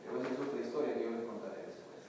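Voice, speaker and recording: A man preaching a sermon as pastor, telling stories and building to loud, emphatic passages. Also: medium pitch, racing, a little hiss or hum. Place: church. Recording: echoey church hall, mic far off.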